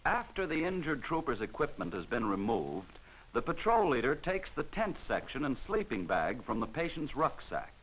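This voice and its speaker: Measured and formal, an American man narrates in the mode of a 1940s military instructional film, his mid-pitched voice animated as it rises and falls. It sounds like an old film soundtrack, with poor audio and slight background noise.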